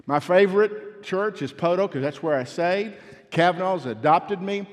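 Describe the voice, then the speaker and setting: A man's voice: high-pitched, normal speed, in a large hall. Older man addressing a church congregation. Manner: earnest, encouraging, repetitive phrasing. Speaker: university representative speaking to a church. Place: church sanctuary.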